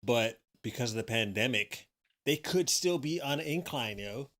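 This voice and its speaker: A man's voice: medium pitch, lively intonation, moderate pace, a bit bright. A man hosting a casual stream chat, laid-back and full of slang. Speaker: stream host.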